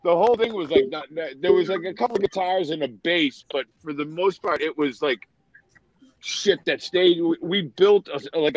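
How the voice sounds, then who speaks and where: A man from Massachusetts with a New England accent, telling loud stories as a podcast guest, swearing and laughing often. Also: on the high side, highs cut off. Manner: profane, laughing storyteller. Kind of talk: casual chat.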